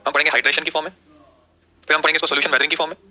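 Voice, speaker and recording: A male teacher lecturing at a breakneck pace in a sharp, bright voice. He quizzes his viewers with questions, answers them himself and drills the key terms again and again, while urging everyone to get their notes down. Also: on the high side, level tone, rapid-fire. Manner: asks rhetorical questions and repeats the answers. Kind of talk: live online class lecture.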